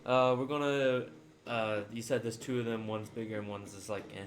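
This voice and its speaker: A man's voice: mid-range voice, level tone, moderate pace. A man playing a tabletop game, chatting casually and thinking aloud about the rules. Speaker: player.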